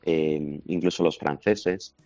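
A man's voice: a bass voice, fairly even intonation, slow, mellow, no room sound, faint music behind. A man, answering interview questions as a language teaching expert, confident and explanatory. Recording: slightly dull lo-fi recording.

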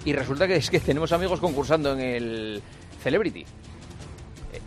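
A man's voice: medium pitch, animated, normal speed, soft background music. A man hosting a late-night radio show, teasing his guests and chatting loosely. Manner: teasing, laughs easily. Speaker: radio host.

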